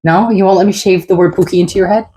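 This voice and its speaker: A woman co-hosting a podcast, chatting casually in an excitable, rambling way and swearing now and then. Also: mid-range voice, fast talker, low-quality recording. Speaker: podcast co-host. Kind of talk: casual chat.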